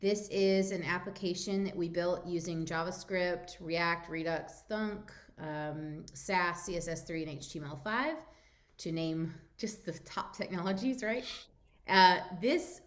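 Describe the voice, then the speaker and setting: Hesitant, slightly nervous woman presenting, lower-pitched voice. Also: unhurried. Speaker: project presenter. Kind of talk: informal software demo presentation.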